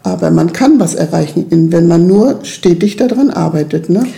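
A middle-aged woman with a gravelly, mellow voice speaks in an earnest, emphatic way. She is being interviewed about her work with children and keeps checking that her listener agrees. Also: fairly low pitch, lively intonation, moderate pace. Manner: earnest, emphatic, often asks "ne?". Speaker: children's club leader. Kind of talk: interview conversation.

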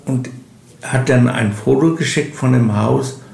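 An older retired man from eastern Germany telling of his work in an interview, haltingly, searching for words. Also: mid-range voice, vocal fry, a little mellow. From village in eastern Germany. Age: 60s or older, retired. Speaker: local village chronicler, interview guest. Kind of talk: unhurried interview storytelling. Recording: roomy, echoing interview recording.

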